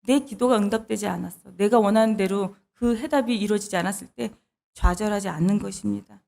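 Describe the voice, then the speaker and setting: A woman preaching a midweek church sermon, earnest and expressive, who acts out pleading prayers as she teaches. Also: medium pitch, a little fast, gravelly.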